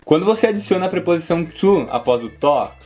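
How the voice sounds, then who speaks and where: A Brazilian English teacher talks through a video lesson in a slightly high voice, slowing down to model the words. Soft guitar music plays behind him. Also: male voice, lively intonation. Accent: Brazilian Portuguese. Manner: clear, slows down to model words.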